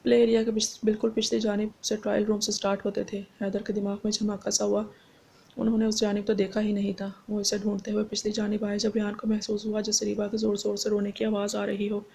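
A woman narrating a romance novel in a steady storytelling voice. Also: mid-range voice, quick pace, vocal fry, breathy edge. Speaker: audiobook narrator. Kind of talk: novel reading.

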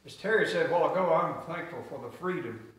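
Expressive and quick, with a fairly high, fairly bright voice, a middle-aged pastor preaches and draws call-and-response replies from his congregation. The sermon takes place in a small church sanctuary, captured from afar with plenty of echo.

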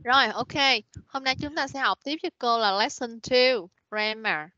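Female online English teacher, patient and prompting, bright tone, dry slightly muffled call audio. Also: a little high, moderate pace, dry recording. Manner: patient, prompting, mixes English words into explanations. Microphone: computer mic on a video call.

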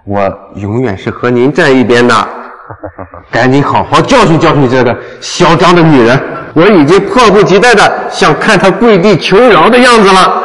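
An actor playing an obsequious, sneering turncoat sidekick to a villain in a short drama. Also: male voice, medium pitch, normal speed, a bit bright, lightly acted. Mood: fawning. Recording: long hall-like reverb.

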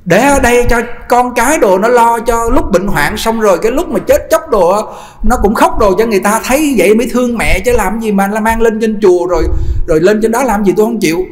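A stubborn, grumbling old husband, as a preaching man puts him on. The voice sits fairly high and carries a long hall reverb. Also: brisk, natural voice. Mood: stubborn refusal.

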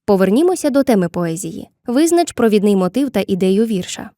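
A woman narrating a scripted literature lesson with clear, measured explanations, slowing down to read poem lines. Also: mid-range voice, very animated, dark tone, no room sound. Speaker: teacher.

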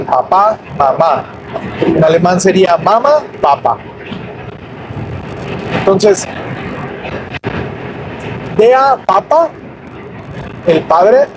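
Slow high-voiced Mexican man teaching from a car. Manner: patient, repeats each word in both languages. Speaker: language teacher. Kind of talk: casual spoken lesson while driving. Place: inside a car on a highway. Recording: car interior with road noise. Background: road and engine noise.

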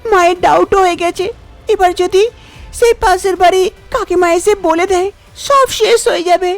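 Woman doing a frightened young woman, tearful, very high voice, faint music. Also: moderate pace. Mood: despairing. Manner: tearful, pleading.

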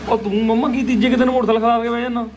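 A family vlogger with a Punjabi accent races through a casual, teasing chat at home in a very high voice with little pitch movement, frequently saying the same things again. The noisy recording comes from a phone in his own hand and sounds lo-fi.

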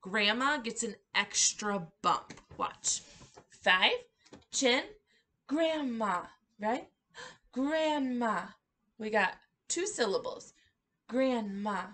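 A woman's voice: on the high side, animated, slow pace, pauses often, sharp tone. A woman leading a circle-time lesson for young children, praising them in an encouraging, cheerful way. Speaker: preschool circle-time teacher.

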